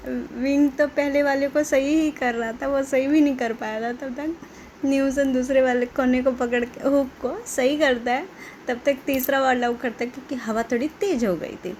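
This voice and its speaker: A woman's voice: sits high, fairly even intonation, moderate pace, darkish tone, slight background noise. A woman casually retelling a drama plot, chatting along and laughing at the funny parts. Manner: chatty, quotes characters, breaks into laughter.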